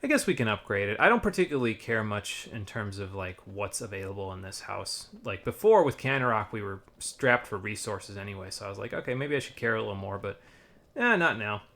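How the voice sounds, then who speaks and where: A man's voice: lowish voice, expressive, brisk, vocal fry, pushed and bright. A man giving casual, rambling live commentary on a video game with wry asides.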